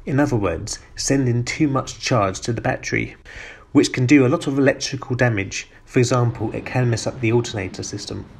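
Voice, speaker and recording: A man's voice: mid-range voice, a little fast, creaky, slightly rough. A man hosting a car channel, reading out viewer questions and answering each one with plain, methodical explanations.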